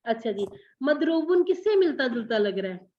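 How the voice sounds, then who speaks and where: High-voiced woman teaching on a lo-fi call. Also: big pitch swings, moderate pace. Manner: patient, corrects students gently. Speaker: Quran Arabic teacher. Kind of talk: online class teaching.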